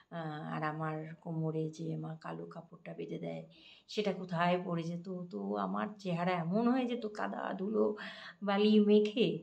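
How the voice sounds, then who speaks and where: A woman's voice: fairly low pitch, gravelly, darkish tone. A woman casually telling a devotional story, hesitant, with many fillers and restarts.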